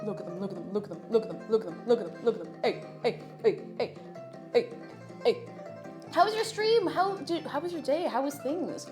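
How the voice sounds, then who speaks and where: A high-pitched woman hosts a casual livestream with very lively, swooping intonation. She talks playfully to her viewers, repeats little phrases and drifts into sung nonsense. Music plays softly behind her. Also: brisk. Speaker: live streamer host. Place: kitchen at home.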